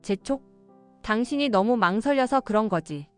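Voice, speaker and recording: A woman's voice: lively intonation, moderate pace, soft background music, lightly acted. A woman reading a hysterical female villain. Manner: shrill, frantic shouting. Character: young woman villain, cold then hysterical.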